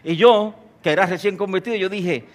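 A man's voice: high-pitched, fairly quick. An older man preaching a sermon, telling stories with humorous asides and asking his listeners questions. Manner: animated storyteller, humorous asides, asks the congregation questions. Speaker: pastor.

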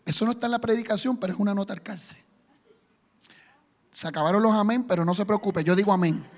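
A man's voice: high voice, fast, big-room sound. A man preaching a sermon to a congregation, emphatic and full of rhetorical questions. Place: church sanctuary.

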